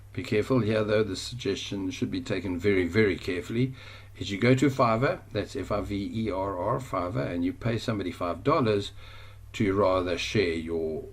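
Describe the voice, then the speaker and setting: This South African-accented man has a low, husky voice as he teaches an online course via screen share. His delivery is chatty and meandering, full of self-corrections.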